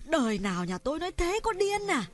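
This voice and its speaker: A woman voicing a distraught village mother in an audiobook, crying as she talks and quick to scold. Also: sits high, big pitch swings, faint music behind. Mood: shocked, indignant. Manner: pleading, then tearful and scolding. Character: distraught village mother, emotional and sharp-tongued. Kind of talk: audiobook character voice.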